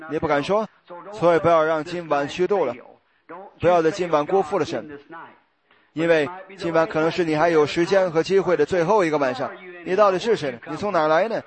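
Male preacher, high voice, sermon delivery, questions thrown to the congregation. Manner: asks the congregation questions and answers himself; sings hymn lines slowly.

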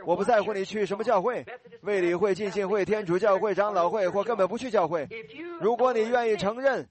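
A man with a high voice preaches a sermon that turns into an altar call. He speaks in an earnest, pleading way and keeps repeating short blessings over the congregation. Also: brisk.

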